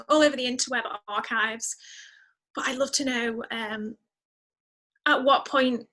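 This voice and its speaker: A woman musician with a fairly high, bright voice chats casually as a guest on a podcast interview. She is effusive and emphatic, repeating words to stress them.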